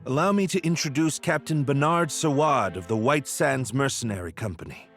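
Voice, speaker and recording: In a dramatic game cutscene, a man plays a self-assured, shrewd royal strategist, speaking in formal, eloquent, smooth-talking phrases. His mid-range voice is close to an everyday one, at normal speed, with music in the background.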